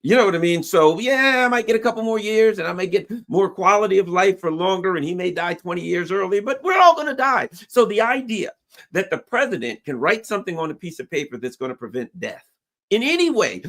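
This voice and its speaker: A man hosting a political talk show, talking in a lively, sarcastic way with big swings in pitch. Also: quick pace. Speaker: show host.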